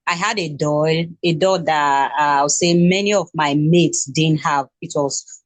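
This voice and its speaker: Interview guest: Nigerian woman in her twenties, low pitch, halting delivery, dry recording. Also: no echo. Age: 20s. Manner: hesitant, with many restarts and fillers. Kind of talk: casual interview.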